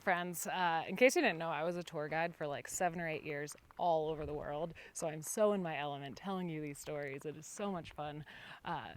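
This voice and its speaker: With background music playing underneath, a woman gives a vlog tour in an eager, talkative way, spinning stories for her audience like the tour guide she once was. Her voice is lowish and a little bright.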